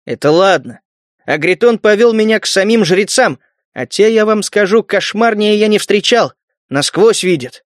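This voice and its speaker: A man's voice: high-pitched, lively intonation, normal speed, no echo, clean studio sound. A man voicing a cocky, blunt young male wasteland fighter who tells his story boastfully.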